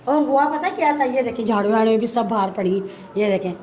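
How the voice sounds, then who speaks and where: A middle-aged woman from Pakistan with a Pakistani Urdu accent, chatting casually in a family vlog at home and telling a story in an animated way, with lots of repetition for emphasis. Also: fairly high pitch, quick pace. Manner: frightened and fretful at first. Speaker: vlogger. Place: home, moving between rooms and a balcony.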